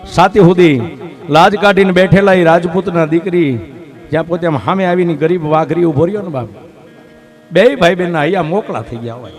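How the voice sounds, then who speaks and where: A man telling a devotional folk story with emotive, repeated calls to his listeners. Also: sits high. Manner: emotive, repetitive addresses to listeners. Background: plucked string music.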